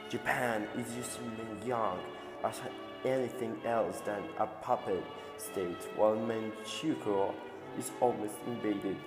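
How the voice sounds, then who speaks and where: A man narrating in the manner of an old newsreel, with a solemn announcer delivery and slightly awkward phrasing. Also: mid-range voice. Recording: roomy long reverb over clear music.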